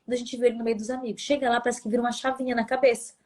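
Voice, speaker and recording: Fast-talking brazilian woman, husky voice. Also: a little high. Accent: Brazilian Portuguese. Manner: chatty storyteller, quick and animated. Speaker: co-host of a live stream. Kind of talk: casual live chat.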